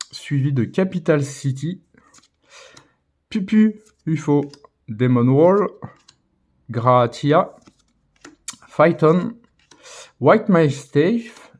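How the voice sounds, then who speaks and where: A man casually commenting as he opens trading card packs, hesitating often with filler sounds and restarts and reading card names out slowly. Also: mid-range voice. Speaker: card-opening video host.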